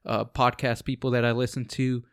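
A man hosts a laid-back podcast with friends at home, talking in an easygoing, rambling way full of ums. His voice sits in a middle pitch and sounds dry and close, with no room echo. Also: level tone, moderate pace, fairly bright tone, clear, resonant tone. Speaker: podcast host. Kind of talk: casual podcast chat.

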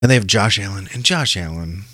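A man's voice: on the low side, brisk, bright, forceful tone, dry recording, clean studio sound. A man casually talking football as a podcast host, with an informal, sweary way of talking. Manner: profane, informal.

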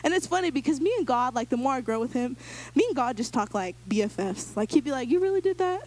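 Young woman, church testimony, casual storytelling, acts out quotes, filler-heavy, fairly high voice. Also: expressive, fast, a little mellow. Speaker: church member giving a testimony. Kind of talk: personal testimony to a church group.

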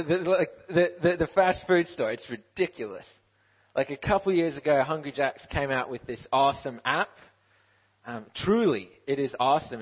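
Husky twenty-something guy from ukraine, preaching on a church stage, laughs at himself, dull muffled sound. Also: on the high side. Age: 20s. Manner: self-deprecating and laughing, with many restarts. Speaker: Bible college student preaching. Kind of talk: interview then sermon.

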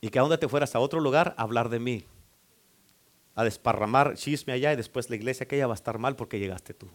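A man's voice: medium pitch, fast talker. Man preaching with call and response. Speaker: pastor. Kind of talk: sermon.

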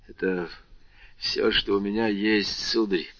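A man with a low voice reading the part of an aging captive banker, desperate and furious by turns, in a muffled dry recording. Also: steady tone, takes it slowly, fairly bright tone, dry recording. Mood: pleading. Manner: pleading, then raging.

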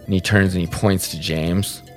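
Low-voiced man telling a story. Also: moderate pace, faint music behind. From Salt Lake area, US. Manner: swears freely, animated and self-deprecating. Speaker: podcast host. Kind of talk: casual comedic storytelling.

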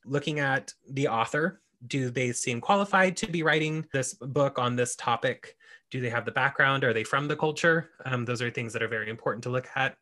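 A man's voice: medium pitch, brisk, bright, forceful tone. A man talking as an author and guest in a casual interview, explaining earnestly and laughing easily.

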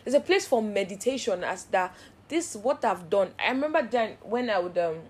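A woman hosting a devotional Bible teaching, speaking in an earnest, heartfelt way and building repeated phrases into steady cadences. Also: mid-range voice, normal speed, breathy edge. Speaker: Bible study host.

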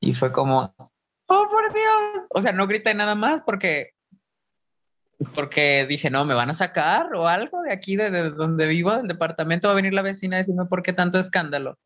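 A man's voice: sits high, lively intonation, brisk, fairly bright tone, lo-fi sound. A man, acting out his own past thoughts. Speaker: interview guest, burlesque performer and dance teacher. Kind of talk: casual storytelling interview.

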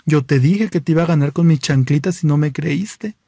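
A man's voice: fairly high pitch, normal speed, gravelly, dark tone, dry recording, studio quality. A man with a Mexican accent voicing a flamboyant, coquettish young man in plastic flip-flops, with a sighing singsong delivery. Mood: teasing.

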